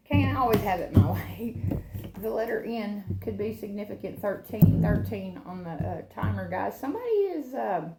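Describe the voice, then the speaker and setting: A woman's voice: medium pitch, roomy sound, very noisy. A woman hosting a casual tarot reading for her channel, rambling and chatting, often laughing at herself. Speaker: tarot reader and channel host.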